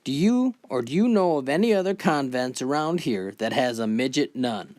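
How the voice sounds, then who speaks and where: A man voicing a big drunk salesman who slurs and makes loud, pushy demands. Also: mid-range voice, lively intonation, moderate pace, dry recording, close to an everyday voice. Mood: rowdy drunk.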